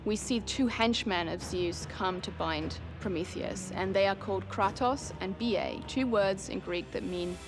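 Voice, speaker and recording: A woman explaining as an academic expert in a documentary interview, with precise, measured phrasing. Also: mid-range voice. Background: music.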